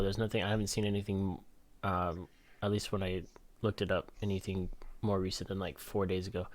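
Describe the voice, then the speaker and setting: A man with a smooth, resonant voice co-hosts a casual podcast chat. His sound is dry and close, and he reads news aloud with plenty of ums and restarts. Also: lowish voice, dry recording. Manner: laughs easily, reads news aloud haltingly. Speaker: podcast co-host.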